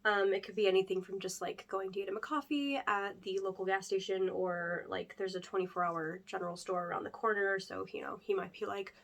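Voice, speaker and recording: A woman's voice: medium pitch, fairly even intonation, a little fast, vocal fry, few pauses, a bit bright. A young woman playing a chatty pizzeria staffer who interviews a new hire in an ASMR role-play. She rambles in an upbeat way, with lots of fillers and nervous jokes. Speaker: ASMR creator.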